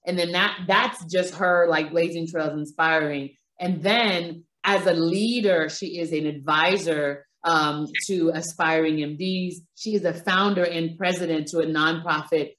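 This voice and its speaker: A woman with a Caribbean accent hosts a podcast over a video call from a small room, introducing the show and interviewing with many fillers and restarts. Her voice is on the low side and a bit bright, steady and unhurried with few pauses, and the sound has a roomy echo.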